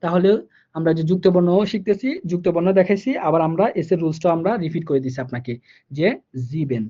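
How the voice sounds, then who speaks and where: Male tutor with a Bangladeshi Bengali accent, mellow and low in tone, patient and repetitive, slows down on the rules, muffled lo-fi recording. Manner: patient, repeats rules slowly and asks if students follow. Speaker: German language teacher. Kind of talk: online language lesson.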